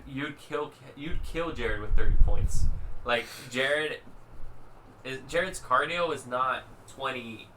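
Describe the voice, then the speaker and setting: Young male podcast host, bright and a bit high-pitched, slangy and relaxed, faint hiss. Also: low-quality recording. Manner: laid-back, slangy, laughs often. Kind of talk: casual podcast chat.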